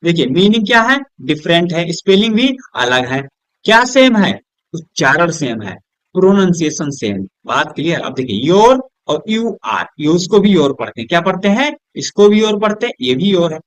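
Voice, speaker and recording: A man with Hindi-accented English, teaching a lesson at a board, asking questions and answering them himself, softer and lower on each answer word. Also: very animated, normal speed, no room sound. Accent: Hindi-accented English words. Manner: drops low and soft on the answer words; keeps checking with "is that clear?".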